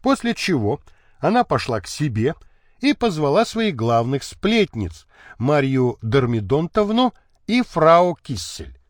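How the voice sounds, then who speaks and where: A man narrating a historical novel as an audiobook, measured and expressive. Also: on the high side, no echo, clean studio sound.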